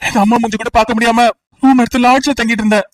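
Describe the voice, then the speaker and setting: A man's voice: very high voice, fairly even intonation, racing, recorded from a distance, poor audio. A man voicing a possessive young policeman in a cartoon story, pressing and confrontational. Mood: agitated. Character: intense young policeman Vijay, possessive and hot-tempered.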